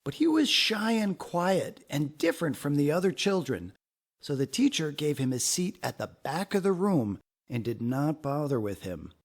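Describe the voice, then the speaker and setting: A man whose voice sits a little high reads a children's picture book aloud in a deliberate, expressive storytelling style.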